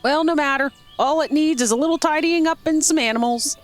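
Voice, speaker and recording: A cheerful old grandmother from a farming game coos along in a high, sing-song voice, as a woman streamer reads her lines. She fusses over the grandchild and runs on with bright, bouncy pitch. Faint game music plays underneath. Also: fairly quick, close to an everyday voice. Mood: cheery. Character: sweet, chatty old grandmother.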